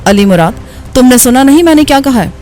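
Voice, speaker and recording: A woman's voice: on the high side, expressive, lightly acted. A woman voicing Gloria, a furious scornful woman. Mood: harsh. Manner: sharp, contemptuous and shouting. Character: angry scornful young woman gang member.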